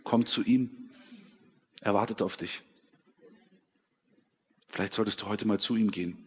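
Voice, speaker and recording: A man preaching a sermon in a church hall, switching between dramatic scripture reading and quiet personal reflection. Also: fairly low pitch, steady tone, a little slow, breathy edge. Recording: long hall reverb.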